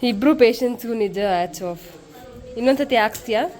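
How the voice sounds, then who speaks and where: A woman's voice: a little high, lively intonation, brisk, darkish tone. Chatty young woman vlogging at home. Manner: chatty, laughs often, asks others questions. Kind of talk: casual vlog chat. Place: family home at an engagement function.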